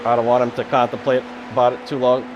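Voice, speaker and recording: A man managing his team during a sim race, giving calm, steady instructions over voice chat. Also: mid-range voice, fast talker, muffled recording, noisy background.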